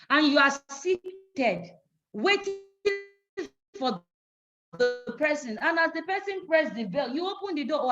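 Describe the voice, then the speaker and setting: A woman's voice: fairly high pitch, fairly bright tone. Emphatic Nigerian woman sales trainer. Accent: Nigerian English. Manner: emphatic, preachy, acts out phone calls. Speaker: business trainer. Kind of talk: motivational sales training talk. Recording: dull lo-fi recording.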